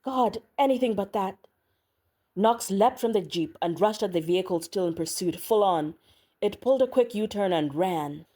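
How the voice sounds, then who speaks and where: A woman narrating an audiobook in a measured, steady reading. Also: lowish voice. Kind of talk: scripted narration.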